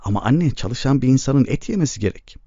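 A man's voice: medium pitch, expressive, fairly quick, mellow, no room sound, voice pushed up. A man voicing a hungry, hard-working young man who complains. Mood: complaining. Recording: dull lo-fi dry recording.

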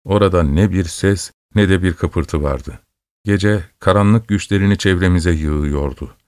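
A man narrating a story in a steady, measured storytelling voice. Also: low voice, dry recording. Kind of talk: scripted narration.

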